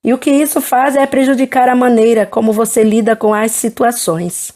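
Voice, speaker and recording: Uma mulher de meia-idade, apresentadora, conversando com calma e em tom de aconselhamento numa entrevista cristã. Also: female voice, on the high side, moderate pace. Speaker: host.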